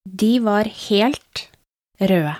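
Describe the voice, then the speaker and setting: A woman hosting a horror podcast, reading short scary stories aloud in a slow, hushed storytelling manner. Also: mid-range voice.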